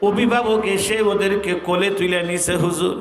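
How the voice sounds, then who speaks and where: A man's voice: high-pitched, steady tone, normal speed. A preacher voicing a weeping orphan boy. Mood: tearful grief. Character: weeping young orphan boy, grieving and pleading. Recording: echoey PA sound with long reverb.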